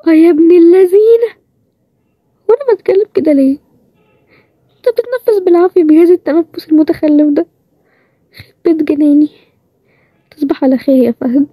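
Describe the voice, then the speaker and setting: A woman voicing a sharp-tongued young heroine with an Egyptian accent, in a bantering, higher-pitched way. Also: fast talker, pauses often, no echo, lo-fi sound. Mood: flustered. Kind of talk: storybook role-play series.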